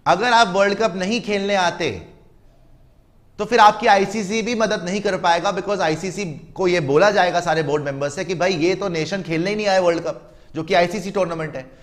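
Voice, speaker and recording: A man's voice: a little high, fairly bright tone. A man giving opinionated, emphatic cricket commentary, lecturing his listeners and mocking the other side.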